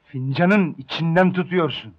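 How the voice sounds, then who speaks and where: A man's voice: a little high, normal speed, lo-fi sound, noisy background, natural voice. An actor playing a cocky, swaggering neighbourhood tough guy in a comedy film. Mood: cocky, challenging. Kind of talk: Turkish comedy film acting.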